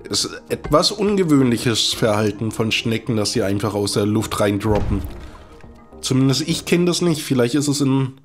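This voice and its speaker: A man's voice: medium pitch, expressive, normal speed, soft background music. A man giving casual gameplay commentary, making dry, wry asides to the viewers. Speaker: let's play host.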